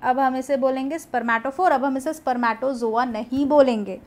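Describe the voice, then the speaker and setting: A woman's voice: sits high, normal speed, darkish tone. A woman with an Indian accent teaching biology in an exam-prep lecture, explaining step by step, repeating key terms and checking that students follow. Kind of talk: exam-prep lecture, mixing Hindi and English.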